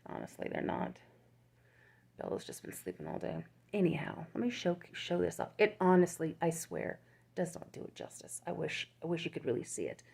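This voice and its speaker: Showing off her crochet work on YouTube, an older woman rambles in chatty show-and-tell fashion, laughing and restarting often. Her lowish, husky voice has a darkish tone and vocal fry, swooping wildly in pitch at a moderate pace.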